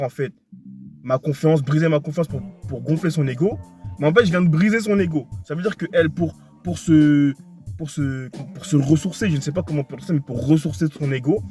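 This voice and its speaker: Young man, casual advice monologue, slangy, repetitive, faint music behind. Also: on the high side. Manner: slangy, repetitive, addresses listener directly. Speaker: dating advice talker.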